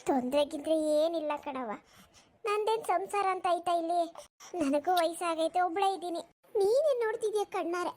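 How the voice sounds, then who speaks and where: A woman's voice: extremely high pitch, animated, brisk, darkish tone. A woman voicing a kindly, lonely old village grandmother in a cartoon, talking in a rustic, motherly, consoling way. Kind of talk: cartoon voice acting.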